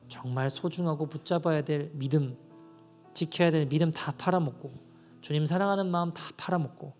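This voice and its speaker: A male pastor delivers a Friday-night sermon in a slightly high voice, moving from earnest storytelling into fervent appeals. His words ring out with a long reverb through the church hall. Soft instrumental music plays faintly underneath. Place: church sanctuary at a Friday service.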